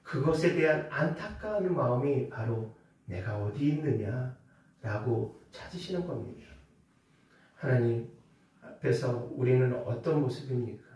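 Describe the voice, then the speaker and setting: A man preaching a Sunday sermon as pastor, building to loud rhetorical questions and dropping back to quiet explanation. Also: mid-range voice. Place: church sanctuary. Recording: very echoey church hall, mic at a distance.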